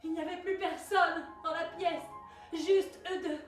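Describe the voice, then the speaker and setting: An actress playing a bewildered young girl who searches her lost memory, speaking in halting, repeated words and anguished exclamations in a theatre monologue. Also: extremely high pitch, fairly even intonation, faint music behind. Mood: frantic, jealous. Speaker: stage actress. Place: theatre stage. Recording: echoey stage recorded from far off.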